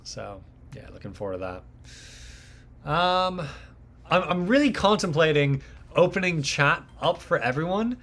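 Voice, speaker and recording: His voice is on the high side and a bit bright, with big pitch swings, an unhurried pace and long pauses. A young man and mixing engineer, he hosts a live mixing stream, chatting casually and rambling with lots of fillers and repeated words.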